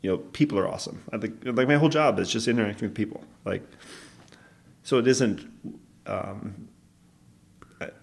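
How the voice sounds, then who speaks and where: Young man, co-host, gravelly voice, rambling and hesitant. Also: on the low side, moderate pace, long pauses. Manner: rambling, hesitant, many restarts. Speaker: podcast co-host. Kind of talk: casual chat.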